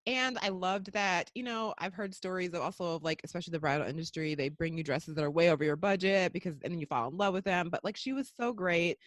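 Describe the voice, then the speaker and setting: A woman's voice: fairly low pitch, quick pace, few pauses, no echo. A woman co-hosting a casual podcast, talking with enthusiasm and straight to the listeners. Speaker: podcast co-host. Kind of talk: casual chat.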